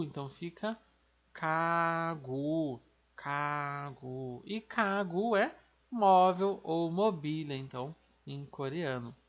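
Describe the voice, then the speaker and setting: A language teacher with a Brazilian Portuguese accent, giving an online lesson, patiently repeating each word slowly and often checking in with tag questions. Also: medium pitch, a bit bright, muffled recording.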